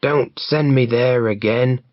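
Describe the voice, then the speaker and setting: A man's voice: medium pitch, slow pace, dry recording, lightly acted. A man voicing a frightened robber who complains about the scary house, on a dull lo-fi recording. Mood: scared. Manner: complaining, scared. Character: frightened young robber, breathless storyteller.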